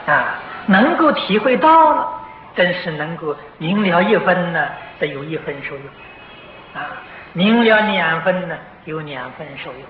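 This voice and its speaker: An older Buddhist teacher lectures slowly and patiently on a sutra, filling pauses with drawn-out "ah" sounds and occasionally clearing his throat. His pitch is fairly high and his manner animated. The old tape of the lecture hall sounds dull, roomy and noisy.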